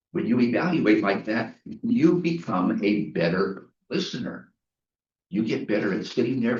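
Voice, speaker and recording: A man's voice: mid-range voice, darkish tone, far from the mic. A man giving a prepared inspirational speech at a club meeting, storytelling with emphatic repetition. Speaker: Toastmasters speaker. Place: meeting room. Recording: echoey room, mic from afar, dull.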